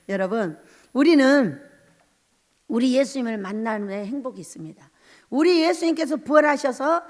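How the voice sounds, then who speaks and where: Woman pastor, Sunday sermon, high voice with big swings, storytelling style. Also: big-room sound. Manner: animated storytelling, acting out quoted voices.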